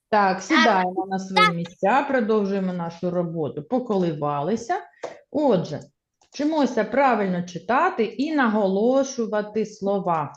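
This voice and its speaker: A woman teacher leading a primary school reading lesson, encouraging the children and having them repeat words after her. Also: mid-range voice. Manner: encouraging, leads class in choral repetition. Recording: echoey classroom, slightly dull sound.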